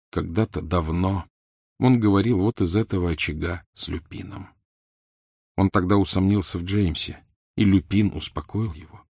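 A man narrating a novel aloud in a measured, even reading. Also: low voice, dry recording, clean studio sound. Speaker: audiobook narrator. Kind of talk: scripted narration.

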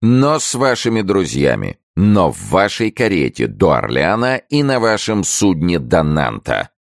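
A man's voice: low-pitched, wildly swooping pitch, measured pace, gravelly, no echo, clean studio sound, voice pushed up, heavily acted. A man voicing an eager, loyal male adviser in an audiobook, urging and persuading with rousing pleas. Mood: urgent. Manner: urgent, rousing pleading. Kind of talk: audiobook character reading.

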